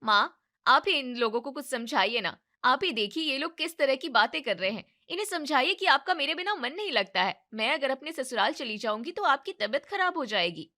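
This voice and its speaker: A woman voicing a lazy, demanding young married woman who gives orders in a bossy, entitled way in an animated story. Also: high voice, fairly quick.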